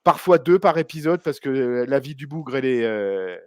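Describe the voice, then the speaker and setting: A man's voice: mid-range voice, expressive, normal speed, darkish tone, no room sound, clean studio sound. A man co-hosting a podcast, chatty and hesitant with many fillers. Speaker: podcast co-host. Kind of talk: casual podcast chat.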